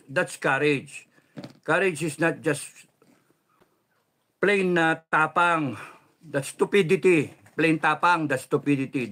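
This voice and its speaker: Man in a heated cursing rant. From Philippines. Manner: heated, cursing, swings between shouting and low controlled muttering. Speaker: political commentator. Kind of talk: angry political rant.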